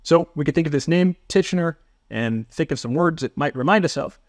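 Speaking briskly with lively intonation, a man with a slightly high voice narrates a psychology lesson. He is the instructor, giving a methodical, scripted explanation laced with dry self-deprecating humor, captured in a dry recording.

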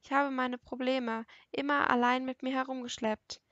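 A woman's voice: high-pitched, little pitch movement, normal speed, a bit bright, no room sound, lo-fi sound. A woman voicing a guarded, self-reliant young woman in an audiobook, speaking defensively and close to tears. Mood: vulnerable. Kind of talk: audiobook character reading.

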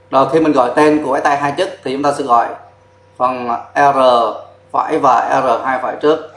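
Male chemistry teacher, mid-pitched, patient step-by-step board explainer, echoey room. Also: a bit bright. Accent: Vietnamese. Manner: explains step by step, spells out formulas letter by letter. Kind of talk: whiteboard chemistry lesson. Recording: echoey classroom sound.

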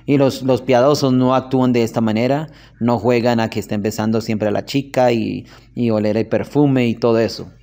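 A man's voice: medium pitch, steady tone, normal speed, hardly any pauses, mellow. Chatty man teaching a class. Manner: chatty, asks "¿ok?" often, tells anecdotes with laughter. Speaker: religious teacher. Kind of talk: informal classroom lesson.

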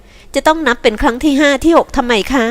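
A woman's voice: high-pitched, fast talker, pitched above the performer's own voice, close to an everyday voice. Woman putting on a sweet teasing young hostess. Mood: coaxing. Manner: sugary coaxing tone.

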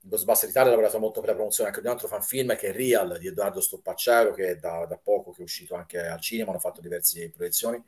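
A man's voice: on the low side, darkish tone. A talkative, enthusiastic man being interviewed as a fan film maker on a video call, often restarting his words. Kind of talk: casual live-stream interview.

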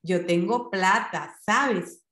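A woman's voice: mid-range voice, drawn-out words, fairly bright tone, echoey room. A woman voicing a boastful, streetwise young boy who sells lottery tickets. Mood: eager. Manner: boastful, self-assured.

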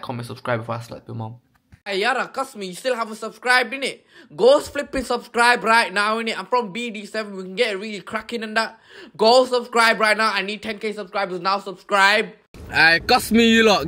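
Man, young adult, put-on Bradford accent, teasing, slangy, a bit high-pitched, outdoor street vlog. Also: sharp tone. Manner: exaggerated slang, brash and teasing. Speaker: vlogger.

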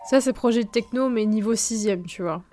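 A young woman with a fairly high voice streams casual reactions to a film. She talks close to the mic, with soundtrack music faintly behind her. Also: brisk. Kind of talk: casual live reaction commentary. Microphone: close microphone in streaming setup.

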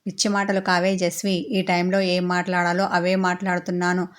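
Cheeky young girlfriend, voiced by a woman narrator; teasing, even-pitched. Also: fairly quick, close to an everyday voice. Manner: teasing, mischievous.

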